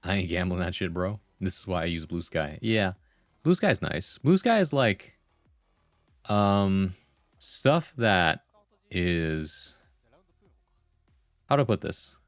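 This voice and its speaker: Low-voiced man chatting casually on a livestream. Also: sing-song, takes it slowly, long pauses, no room sound, soft background music. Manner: slangy, conversational, full of "like" and "bro". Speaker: livestream host. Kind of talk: casual chat with viewers, reading comments aloud.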